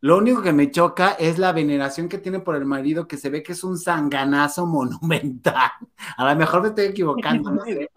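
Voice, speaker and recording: A man with a Mexican accent hosting a casual gossip chat, animated and mocking. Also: fairly quick. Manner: animated, mocking, slips into shrill impressions. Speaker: host.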